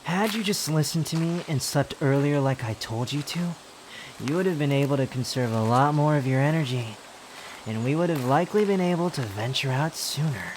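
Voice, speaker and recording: A man playing a sharp-tongued, haughty, youthful-looking immortal wanderer in a roleplay audio drama, speaking in a sardonic, theatrical, teasing way. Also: a little high, animated, normal speed, a little hiss or hum, close to an everyday voice, poor audio. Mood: bossy, sardonic. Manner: sardonic, scolding, theatrical delivery with sighs.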